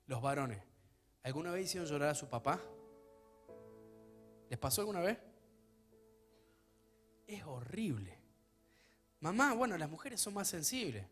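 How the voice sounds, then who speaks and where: A man preaching a sermon as pastor of a church, his delivery swinging between hushed, intimate stretches and loud, emphatic ones. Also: sits high, very animated, a little slow, long pauses, slightly rough, faint music behind.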